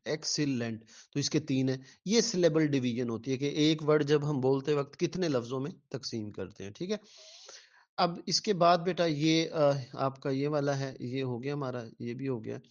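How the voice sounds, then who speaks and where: A man's voice: mid-range voice, a little mellow, highs cut off. A male teacher giving an exam-prep lecture, patiently repeating words syllable by syllable and answering his own questions.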